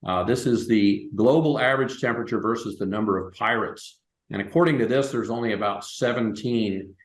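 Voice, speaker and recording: A man hosting a webinar, talking casually through his slides with plenty of fillers and restarts. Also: on the low side. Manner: relaxed, loose, with frequent fillers and restarts. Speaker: webinar host. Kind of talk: casual presentation over slides. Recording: echoey room.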